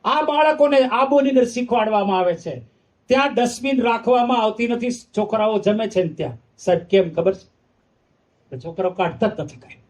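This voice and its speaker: A man with a very high-pitched, darkish voice gives a devotional discourse as a monk. He breaks into sung verses and asks his listeners pointed, emphatic questions.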